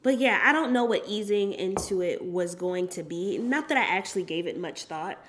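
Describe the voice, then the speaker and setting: This is a woman in her thirties in a casual chat with her partner. She tells stories in a playful, animated way and laughs easily. Her pitch moves up and down with a lot of life. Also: moderate pace, slight background noise. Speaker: podcast co-host.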